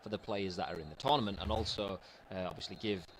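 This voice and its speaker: A man doing color commentary on a football video game tournament from a studio, giving measured, halting analysis. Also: low-pitched, slight background noise, poor audio.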